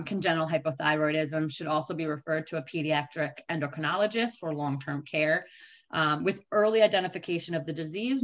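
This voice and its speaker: Female presenter, low pitch, measured lecture delivery with fillers. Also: a bit bright. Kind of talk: recorded training lecture.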